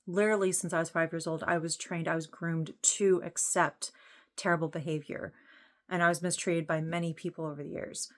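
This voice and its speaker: Talking to camera to introduce her vlog channel, a woman in her late thirties speaks a little fast in a fairly low, steady voice. Her manner is earnest, candid, informal, and rambling.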